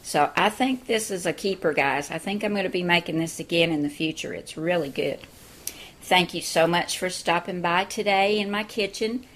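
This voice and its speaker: A woman's voice: on the low side, normal speed, fairly bright tone, slight background noise. A woman hosting a cooking show from her home kitchen, chatting through a recipe step by step. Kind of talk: friendly cooking demonstration.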